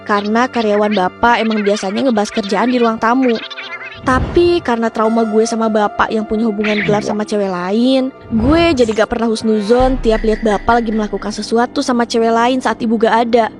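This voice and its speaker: A woman's voice: a little high, steady tone, fairly quick, music in the background. A young adult woman from Indonesia with speech, telling a personal story casually in the first person.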